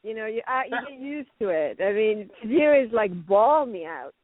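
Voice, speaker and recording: A middle-aged actress raised in Venezuela and Canada chats as a guest in a casual interview, rambling and laughing often. Her voice is fairly high-pitched and animated at normal speed, and it comes through a tinny phone line.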